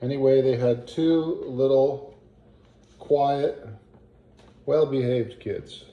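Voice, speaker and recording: A man reading an old family letter aloud in a halting way, with asides and pauses to puzzle out words. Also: medium pitch, lo-fi sound. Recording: roomy, echoing home recording.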